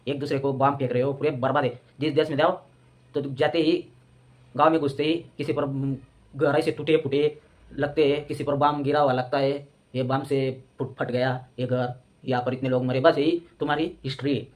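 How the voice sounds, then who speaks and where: A man's voice: mid-range voice, flat delivery, moderate pace, darkish tone. A man hosting a reaction video, ranting in a scornful, mocking tone.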